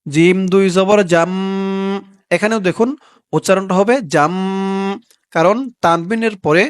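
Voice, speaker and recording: Patient male recitation teacher. He spells out each sound slowly, recorded dry and close. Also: high-pitched, dry recording. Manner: spells letters and vowel marks, then chants the verse slowly. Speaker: Quran reading teacher.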